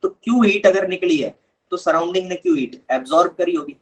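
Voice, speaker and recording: Guy teaching chem in a live class, kinda husky, patient, keeps calling the students kids. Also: sits high, a little fast, poor audio. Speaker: chemistry teacher. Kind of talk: live online lecture.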